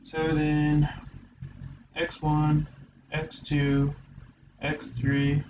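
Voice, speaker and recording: Fairly high and slightly mellow, this math instructor's voice is completely flat, with drawn-out words, as he lectures a college class. He talks himself through each step with fillers and dry asides, in roomy, slightly dull lo-fi audio with faint hiss.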